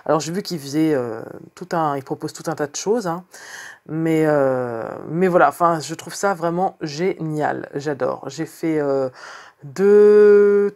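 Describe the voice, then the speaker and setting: A woman's voice: sits low, darkish tone. A woman chatting casually in a craft vlog, rambling with many fillers and restarts. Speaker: card-making crafter.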